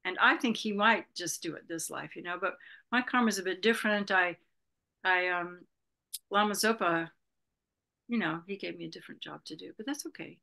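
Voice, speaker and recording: Speaking at a moderate pace, this Berkeley woman in her sixties has a lowish, gravelly voice that comes across bright and forceful. She leads Buddhist retreats and, as an interview guest, reflects casually and rambles, often saying "you know."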